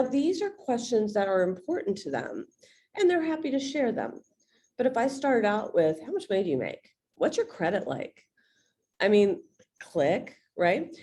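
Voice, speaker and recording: A woman real estate agent coaching on a video call, a fast talker who speaks bluntly and directly. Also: medium pitch, warm tone.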